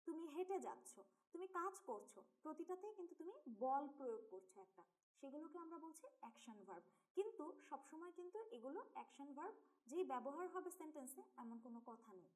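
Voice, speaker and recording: High-voiced woman teaching English grammar. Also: sing-song, fairly quick, darkish tone. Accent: Bangladeshi Bengali. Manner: explains step by step, mixing English terms into Bengali, addressing students directly. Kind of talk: explanatory online lesson.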